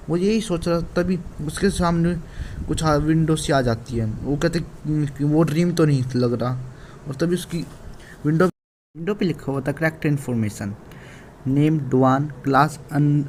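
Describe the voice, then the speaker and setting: A man's voice: a little high, a little mellow, slight background noise. A man casually retelling a manhwa chapter, with frequent restarts and fillers. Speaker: manhwa recap narrator. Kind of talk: casual story recap.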